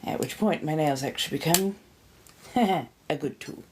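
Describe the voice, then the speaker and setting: A woman's voice: low-pitched, measured pace, noisy background. A woman hosting a casual livestream, greeting viewers effusively with theatrical pet names and chatting as she snacks. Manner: eating and sipping while talking. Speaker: livestream host.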